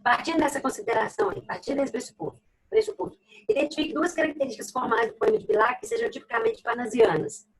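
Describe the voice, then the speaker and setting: A woman's voice: high voice, big pitch swings, quick pace, slightly rough, low-quality recording. A woman with a Brazilian Portuguese accent teaching a literature lesson, explaining step by step, repeating key phrases and checking in with "ok?". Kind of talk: recorded class lesson.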